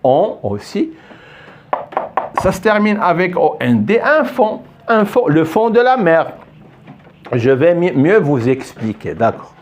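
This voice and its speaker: A man's voice: on the high side, big pitch swings, slow, slight background noise. A man teaching a French phonics lesson, patient and repetitive, often praising with "très bien". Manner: patient, repeats words many times, praises with "très bien".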